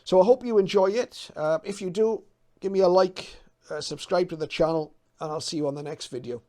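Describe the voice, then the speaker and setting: Speaking from a cramped, cluttered radio room at home, this UK hobby channel host in his fifties talks to camera in a relaxed way. He has a high, brisk voice with a warm tone, and he works through his explanations a bit hesitantly, as if reasoning out loud.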